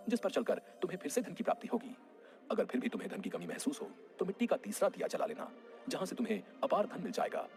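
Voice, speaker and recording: Man voicing old holy sage, cartoon, gravelly, solemn, wide swinging pitch, quick delivery. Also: a little mellow, exaggerated voice. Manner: solemn, measured warnings. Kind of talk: cartoon dubbing.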